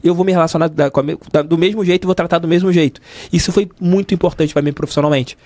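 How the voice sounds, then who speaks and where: A middle-aged Brazilian sports journalist with a Rio de Janeiro state accent talks fast in a slightly high, fairly even, somewhat mellow voice, with no echo. As a guest in a podcast studio interview, he tells stories casually and emphatically, repeating phrases to drive points home.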